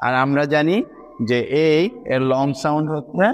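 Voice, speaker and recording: A young man explains a lesson step by step to his students, in a voice sitting a little above the usual male pitch. He is patient and keeps checking that everyone is following along. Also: moderate pace. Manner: patient, checks understanding with the viewers. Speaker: English teacher.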